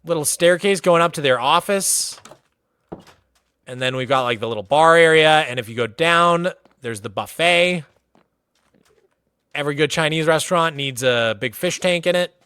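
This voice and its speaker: A slightly high, clear, resonant male voice moves at normal speed. The speaker, a Massachusetts, USA man, is livestreaming casually as he wanders a game world, his talk loose, relaxed, and full of "like."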